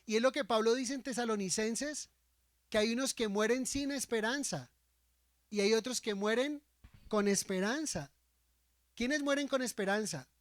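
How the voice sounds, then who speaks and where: A man's voice: extremely high pitch, normal speed, no room sound. A male pastor delivers a sermon, peppering it with rhetorical questions to his listeners. He brings scripture alive by acting out the quoted lines, and his voice sits close and dry with little room sound. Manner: asks the congregation frequent rhetorical questions; acts out quoted speech from scripture.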